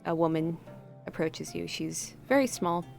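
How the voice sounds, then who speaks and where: A woman's voice: on the low side, a little slow, gravelly, a little mellow, soft background music. A woman acting as game master, narrating a tabletop game in a rambling way with many fillers.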